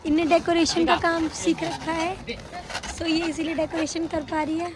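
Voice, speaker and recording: A young woman with a hoarse voice chatting playfully to her viewers on a phone camera from a busy family rooftop. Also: extremely high pitch, level tone, normal speed, noisy background. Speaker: vlogger. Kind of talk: casual vlog chat. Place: home rooftop with family around. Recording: crowd of family chatter behind.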